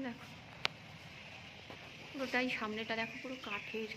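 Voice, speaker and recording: A rather high-pitched woman with a Bengali accent talks casually to her viewers as if they were friends, filming herself on a phone. The audio is noisy, with clear background sound around her. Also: steady tone, normal speed. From India. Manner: chatty, addresses viewers as friends; speaks softly inside the temple. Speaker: vlogger. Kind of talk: casual vlog narration. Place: temple and home, partly outdoors.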